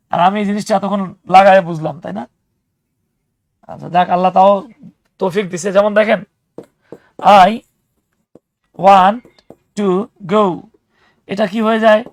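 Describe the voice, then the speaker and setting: A young man teaching spoken English in an online class, lively and teasing, explaining patiently with examples. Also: high-pitched, dry recording, studio quality.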